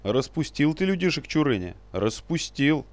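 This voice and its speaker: A man's voice: fairly high pitch, sing-song, no room sound, voice pushed up. A man reading a story aloud and voicing a fussy, easily outraged male sorcerer who shrieks and scolds. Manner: shrieking, indignant, rapid outbursts.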